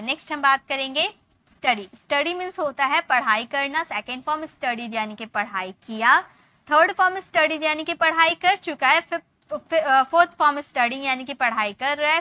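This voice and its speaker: A woman teaching an English grammar lesson in Hindi. She explains step by step, checks in often with the listener and reads the English example sentences slowly and deliberately. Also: sits high, pushed and bright, no echo.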